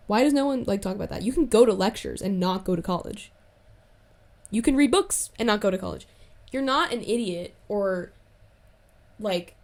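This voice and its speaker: A woman's voice: medium pitch, gravelly, a little mellow. Chatty young woman telling a story. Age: young adult. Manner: chatty, heavy use of "like" fillers, quick asides and self-corrections. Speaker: podcast host. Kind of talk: casual solo storytime chat.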